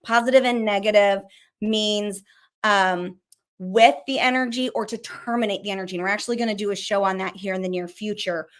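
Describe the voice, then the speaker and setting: Middle-aged female counselor host, quick chatty explainer with a casual tongue. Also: medium pitch. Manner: fast and chatty, swears casually. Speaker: licensed counselor hosting a mental health show. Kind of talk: casual teaching while sharing a screen.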